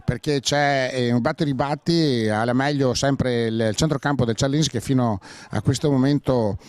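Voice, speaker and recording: A man's voice: medium pitch, moderate pace, darkish tone, dry recording. A man doing live play-by-play football commentary, hesitant with many fillers and rising sharply on chances.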